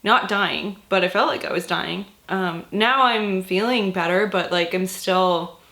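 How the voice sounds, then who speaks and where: A woman book vlogger, sick and a bit husky, chatting casually through her monthly reading wrap-up with lots of fillers and swearing. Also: medium pitch, measured pace, bright, forceful tone.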